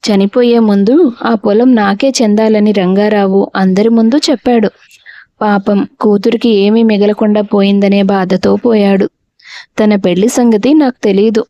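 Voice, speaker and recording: A woman reading the lines of a calm older village man who lends money, in an audio storybook. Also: mid-range voice, no room sound, natural voice. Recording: dull, dry lo-fi recording.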